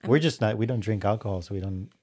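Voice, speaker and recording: Man, podcast regular, somewhat deep voice, calm matter-of-fact casual chat. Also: fast talker, slightly rough.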